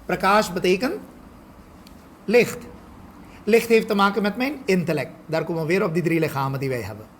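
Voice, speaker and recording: A man, a spiritual teacher, giving a study lecture and often checking in with a quick "ja?" and a rhetorical question. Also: high voice, a little hiss or hum. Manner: explains with frequent rhetorical questions and "ja?" checks, mixes in English phrases.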